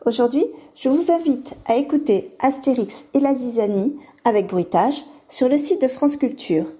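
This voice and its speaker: A woman reading a fairy tale aloud and presenting a reading slot, steady and clear in her delivery. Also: sits high, normal speed. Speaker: storyteller and presenter.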